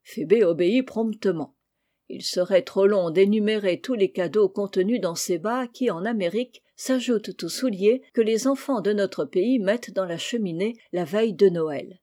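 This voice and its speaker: A woman reading a children's novel aloud in a gentle, even storybook style, lightly voicing the characters' lines. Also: mid-range voice, moderate pace. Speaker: audiobook reader. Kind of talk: storybook narration.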